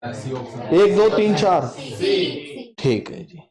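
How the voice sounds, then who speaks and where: Over music, a male Hindi teacher whose voice sits high and swings widely in pitch drills an exam-prep class. He repeats questions and answers aloud and explains in a slow, emphatic way.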